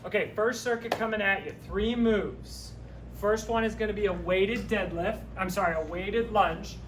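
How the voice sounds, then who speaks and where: A man with a fairly high voice coaches a workout, joking and counting reps as he moves, a little out of breath. He sounds set back from the mic in an echoey, empty room with a faint hum of ambience. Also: recorded from a distance. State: a little out of breath while exercising. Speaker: fitness instructor. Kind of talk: guided workout instruction.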